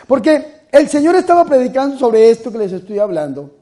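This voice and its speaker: High-voiced fervent priest preaching. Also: male voice, big pitch swings, brisk. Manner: fervent, swings between loud outbursts and soft asides. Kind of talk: charismatic sermon.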